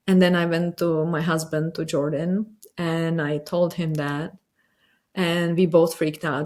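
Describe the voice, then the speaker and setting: Czech-accented woman, low voice, hesitant. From Czech Republic. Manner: hesitant, many fillers, reflective. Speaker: patient sharing her story. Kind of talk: personal testimony interview.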